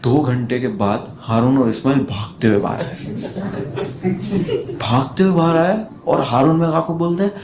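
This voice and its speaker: A man doing standup, telling a long comic story and putting on high voices for the people in it. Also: normal speed, a little hiss or hum. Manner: animated, jumps into high voices for friends in the story. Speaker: standup comedian.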